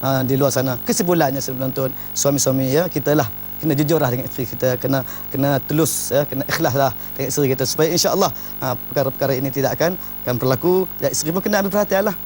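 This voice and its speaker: A man's voice: mid-range voice, racing, a little mellow, soft background music. A man gives an informal advice talk on marriage. He speaks emphatically and often opens his lines with "ha".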